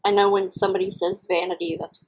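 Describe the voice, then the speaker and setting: A woman chatting candidly and casually to camera in a halting, reflective way, chewing while she talks. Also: medium pitch, animated, vocal fry, darkish tone, low-quality recording. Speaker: vlogger. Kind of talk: casual personal chat to camera while eating.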